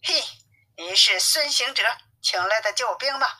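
A woman's voice: fairly high pitch, lively intonation, normal speed, bright, forceful tone, heavily acted, low-quality recording. A woman doing a sneering young demon king. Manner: sneering, boastful.

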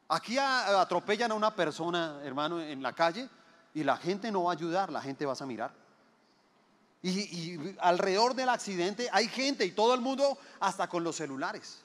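A man's voice: high-pitched, a bit bright. A man, preaching a sermon. He talks with emphasis, repeats his phrases and asks the listeners rhetorical questions. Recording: long hall reverb.

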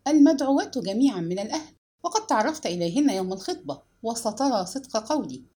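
A woman voicing a cheerful older gentleman hosting a wedding in an audiobook, coaxing in a raised, bright voice. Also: a little high, sing-song, fast talker. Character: jovial older host of the wedding.

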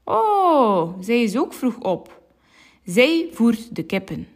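A woman reading a children's story aloud, gentle and clear for a child. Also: fairly high pitch, very animated, slow pace.

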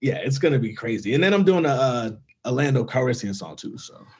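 A man who raps, chatting casually as a guest in halting, broken phrases. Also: medium pitch, sing-song, a little mellow, breathy edge, lo-fi sound. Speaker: rapper, show guest. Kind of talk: casual chat.

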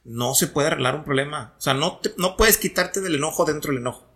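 A man's voice: a little high, quick pace, fairly bright tone. A man who hosts a talk show and explains ideas with everyday examples, often checking that he is understood. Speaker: host. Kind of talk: conversational teaching.

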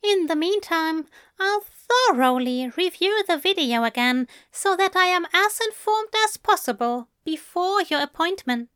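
A woman's voice: very high voice, animated, unhurried, fairly bright tone, no echo, clean studio sound, voice pushed up, full character voice. Aziraphale, a prim woman-voiced angel. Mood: polite. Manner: prim, courteous, old-fashioned phrasing. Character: fussy, gentle, effusive male angel. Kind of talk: fan audiobook reading.

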